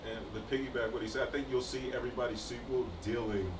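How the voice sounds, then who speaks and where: Quick-talking man with a low voice, recorded distantly with audible room noise. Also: steady tone. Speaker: panelist. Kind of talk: casual chat. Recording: echoey room, distant mic, clear noise.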